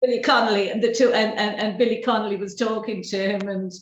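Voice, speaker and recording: An Irish-accented woman hosts a casual interview. Her voice sits at a middling pitch and sounds echoey and roomy. She is chatty and complimentary with her guest. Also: fairly even intonation, quick pace, muffled recording. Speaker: show host, interviewer.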